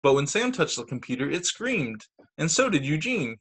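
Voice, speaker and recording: A man with a fairly high, slightly breathy voice reads picture books to children at a normal pace, like a teacher on a video call. He acts out the quoted lines with expression and drops casual remarks about the illustrations.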